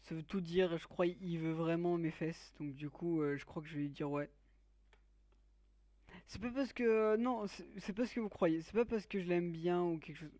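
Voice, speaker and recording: A man's voice: a little high, brisk, hardly any pauses, mellow, no room sound. A man giving let's play commentary, joking crudely and teasing his viewers. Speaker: gaming YouTuber.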